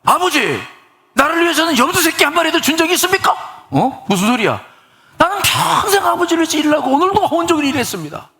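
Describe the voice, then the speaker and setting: A man voicing an indignant elder brother who shouts his grievances in exasperated bursts. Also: very high voice, sing-song, fast talker, reverberant, voice pushed up, exaggerated voice. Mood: shouting angrily.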